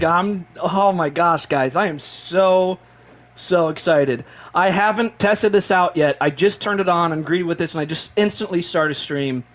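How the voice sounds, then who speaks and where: A man live-streaming a racing game, chatting excitedly and rambling, repeating himself, short on sleep and running on caffeine. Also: high-pitched.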